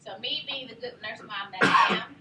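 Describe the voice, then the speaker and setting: A woman teaching a nursing class, telling lively stories and quizzing her students. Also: on the high side, normal speed, a little hiss or hum. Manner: animated storyteller, quizzes the class. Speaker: nursing instructor. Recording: roomy classroom from far off.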